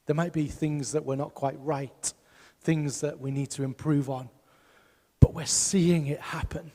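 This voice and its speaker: Man, pastor, sermon, emphatic, rhetorical questions, unhurried delivery, echoing church hall. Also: fairly high pitch, fairly even intonation, warm tone.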